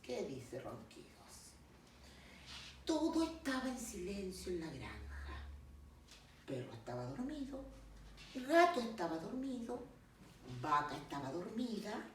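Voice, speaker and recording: A woman slowly reading a picture book aloud to children, acting out the animal sounds. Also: medium pitch, big pitch swings. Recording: distant mic, very echoey room, faint noise.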